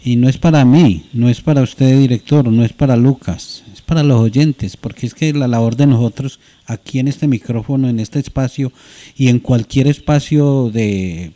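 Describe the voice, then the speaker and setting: A man's voice: mid-range voice, dark tone. A man, a sports radio reporter talking earnestly and emphatically.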